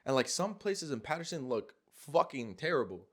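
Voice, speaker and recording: A man's voice: medium pitch, sing-song, normal speed, a bit bright, husky. A young man from New Jersey hosting a casual podcast, blunt and swearing freely as he tells stories. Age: young adult. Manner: blunt, profane, storytelling. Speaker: podcast host. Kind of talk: casual chat.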